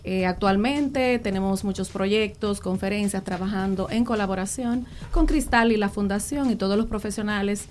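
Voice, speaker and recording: A woman's voice: medium pitch, normal speed, few pauses, a little mellow, soft background music. Woman speaking as an educator. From Dominican Republic. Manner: earnest, with frequent fillers and restarts. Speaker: guest, special education teacher. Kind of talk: panel talk.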